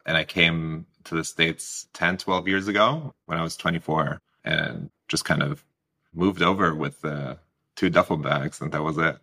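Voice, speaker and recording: A man's voice: a bass voice, fairly even intonation, unhurried, bright, forceful tone. A man in his thirties from Germany with a heavy German accent, talking reflectively as an interview guest and often restarting his sentences. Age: 30s. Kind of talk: casual interview talk.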